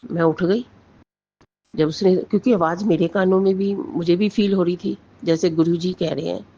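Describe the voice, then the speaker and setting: Gravelly low-voiced woman telling her testimony. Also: warm tone, lo-fi sound. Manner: earnest, storytelling, switches into Punjabi in quotes. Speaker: devotee sharing her experience. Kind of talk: personal testimony to a listener.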